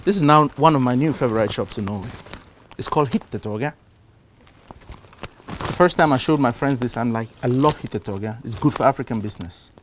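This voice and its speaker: Middle-aged man giving an animated conference talk. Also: mid-range voice, fairly quick, slight background noise. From Cameroon. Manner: animated, shifts loudness for emphasis. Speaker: conference speaker. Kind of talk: live talk on investing. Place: conference stage before an audience.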